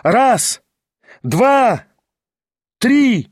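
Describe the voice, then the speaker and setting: A man voicing a stern duel second, loud and commanding. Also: sits high, lively intonation, moderate pace, no room sound, studio quality, pitched above the performer's own voice.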